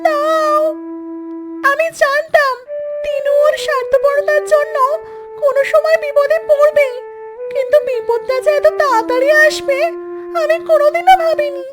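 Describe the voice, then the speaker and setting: A woman's voice: extremely high pitch, normal speed, loud music behind the voice. Woman playing a tearful mother duck. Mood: distraught. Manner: wailing, tearful pleading.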